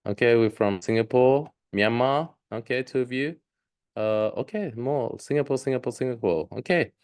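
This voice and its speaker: A man's voice: mid-range voice, normal speed, a little mellow, clear, resonant tone. A man in his thirties, raised in Australia, giving a live online presentation with many ums and uhs. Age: 30s. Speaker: webinar presenter.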